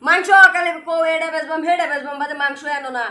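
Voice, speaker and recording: A woman's voice: fairly even intonation, fast, pushed and bright. A woman voicing a sulky young son who demands goat meat, in a village comedy sketch. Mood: whining. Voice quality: high and whiny.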